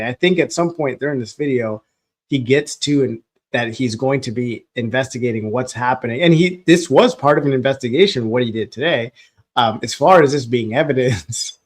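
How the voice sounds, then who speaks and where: A man hosting a casual live reaction stream, rambling with restarts and laughing between phrases, at a desk microphone. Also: medium pitch.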